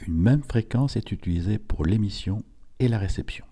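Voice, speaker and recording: A man's voice: fairly low pitch, moderate pace, mellow, breathy edge. A man reading a scripted instructional narration in a didactic, step-by-step way, as an instructor would.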